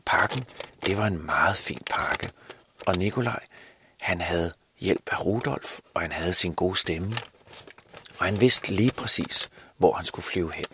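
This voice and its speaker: A man's voice: deep voice, bright, forceful tone, slight background noise. A man telling a Christmas story aloud, hesitant, restarting often and sometimes dropping to a whisper. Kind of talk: improvised Christmas story narration.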